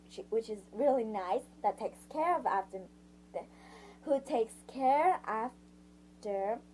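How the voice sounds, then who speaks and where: A woman's voice: a little high, darkish tone, a little hiss or hum, poor audio. A woman reading a novel aloud in the first person, stumbling, restarting lines and stopping to sum up parts in her own words. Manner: halting, frequent restarts and self-corrections. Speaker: audiobook reader. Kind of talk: amateur read-aloud narration.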